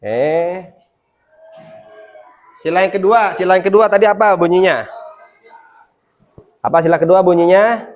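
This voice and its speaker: A teacher giving a classroom lesson, quizzing the pupils with quick questions and explaining each answer. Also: medium pitch, highs cut off. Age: adult.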